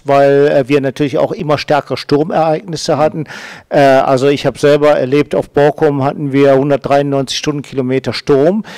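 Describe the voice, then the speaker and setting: A man's voice: a little high, a little mellow, no room sound. A man in his fifties speaking on a panel with a handheld mic, explaining with tag questions and stammered repeats. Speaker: professor, panel guest. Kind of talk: panel discussion. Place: small event studio with glass wall.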